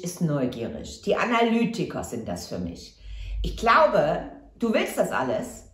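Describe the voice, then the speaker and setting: A woman's voice: fairly low pitch, echoey room. A woman giving a casual tarot reading to camera, chatty and reassuring, often tagging on a questioning "ja?". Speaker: tarot reader.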